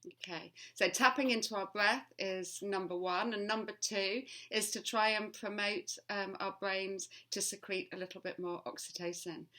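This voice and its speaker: A woman's voice: on the low side, fairly bright tone. A woman co-presenting a wellbeing lesson, explaining tips thoughtfully and at length with frequent ums.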